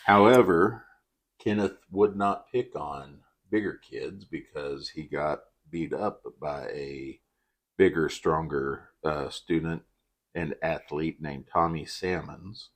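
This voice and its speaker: A man with a very low voice tells a true-crime story to his podcast co-host. His delivery is dry and deadpan. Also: slow.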